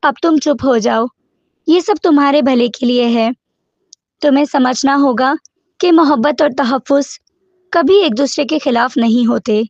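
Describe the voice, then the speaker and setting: A woman's voice: high-pitched, darkish tone, dry recording, lo-fi sound. Woman reading as a stern protective man. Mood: gentle. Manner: stern, scolding. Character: stern protective young man, strict husband.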